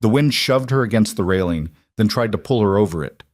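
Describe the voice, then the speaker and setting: A man reading a dramatic story aloud in a slow, heavy, measured narration. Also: on the low side, expressive.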